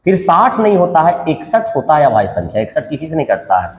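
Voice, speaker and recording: A man teaches an exam-prep math class, calling out numbers and sums in a sing-song patter. His voice sits a little high and swings widely in pitch. The sound carries a roomy echo with a long reverb tail. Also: very animated, brisk. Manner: talks through sums aloud in a sing-song counting patter. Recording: echoey room with long reverb.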